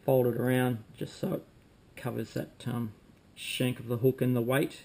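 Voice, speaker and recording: A man, calmly demonstrating fly tying at a desk at home, talking while he works with frequent ums. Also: mid-range voice, normal speed, creaky. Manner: relaxed, talks while working, frequent ums. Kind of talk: casual demonstration. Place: home room with bookshelves, indoors.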